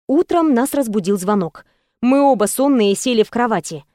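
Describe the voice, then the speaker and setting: A woman narrating an audiobook in the first person with a steady, expressive reading. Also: fairly high pitch, normal speed, no echo, clean studio sound.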